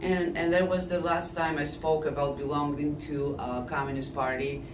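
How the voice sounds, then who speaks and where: Her voice low, flat in pitch, and hoarse from illness, a Polish-accented woman in her fifties slowly and deliberately recounts her life, restarting often. This oral history was recorded at a distance on a Flip camcorder in an echoey room, with background noise.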